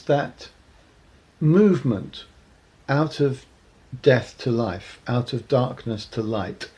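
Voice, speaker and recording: Guy preaching slow and earnest, gravelly voice, bit husky, lots of ums. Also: medium pitch, darkish tone, poor audio. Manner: measured and earnest, with frequent ums. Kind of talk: reflective sermon talk.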